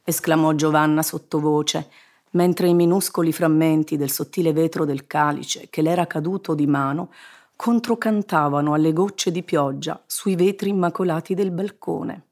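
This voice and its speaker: A woman narrating a children's story in an expressive, measured reading. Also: low voice. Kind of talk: scripted narration.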